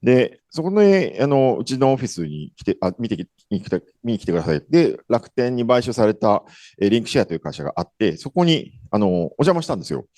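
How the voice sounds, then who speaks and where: A man's voice: mid-range voice, very animated, fast, mellow, no echo, clean studio sound. A man hosting a conference keynote, introducing the speaker in a chatty, rambling way with many fillers and self-corrections. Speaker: event host. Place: conference hall.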